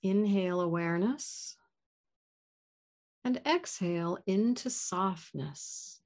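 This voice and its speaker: A woman leading a guided gratitude meditation in a soft, soothing voice. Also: lowish voice, expressive, slow.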